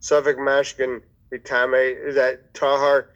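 A man's voice: mid-range voice, completely flat delivery, slow pace, a bit bright. A man on a phone call studying a text with a partner, asking clarifying questions, heard through a phone speaker. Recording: muffled phone line.

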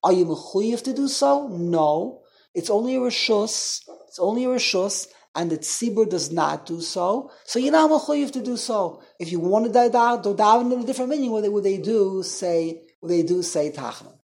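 A man teaching an informal Torah class as a rabbi, talking in an animated way and repeating himself. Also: high voice, moderate pace, creaky. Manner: animated, repetitive, mixes Hebrew and Yiddish terms.

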